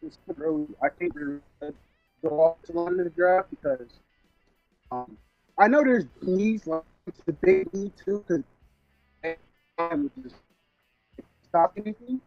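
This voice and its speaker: A man calling in to chat casually about football, his voice muffled as if heard through a wall, talking haltingly with many fillers. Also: sits high, big pitch swings, vocal fry, no room sound, soft background music. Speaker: caller. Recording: dull muffled phone call.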